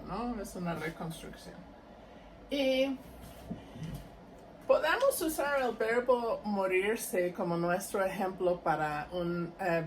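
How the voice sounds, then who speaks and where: Slow-speaking woman lecturing, distant mic. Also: lowish voice. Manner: patient, explanatory, checks in with "¿sí?" and "¿no?". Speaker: linguistics lecturer. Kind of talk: academic lecture. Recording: distant mic with faint noise.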